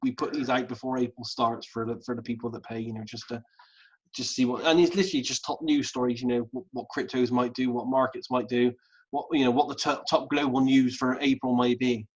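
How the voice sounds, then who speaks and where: A man hosts a casual group video call in an ordinary mid-range voice. He talks in a halting way, restarting and repeating words as he thinks. The sound is dull and lo-fi, like compressed call audio. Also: medium pitch, little pitch movement. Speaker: host. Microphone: video call mic.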